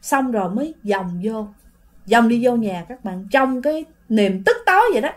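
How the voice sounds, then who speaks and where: Woman storyteller, Southern Vietnamese accent, chatty, high and lively voice, talks straight to listeners. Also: normal speed. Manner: chatty, addresses listeners directly. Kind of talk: casual ghost story narration.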